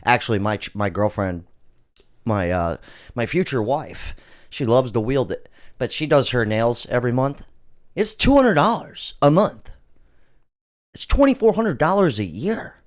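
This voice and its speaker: A man hosting a casual podcast, reacting to clips with loud, laughing, profane banter. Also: mid-range voice, lively intonation, a little slow, long pauses. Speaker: podcast host.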